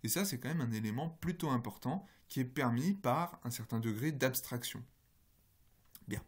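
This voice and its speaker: A man with a French accent gives a university course lecture, explaining patiently step by step and often putting direct questions to his students. His voice sits at a medium pitch.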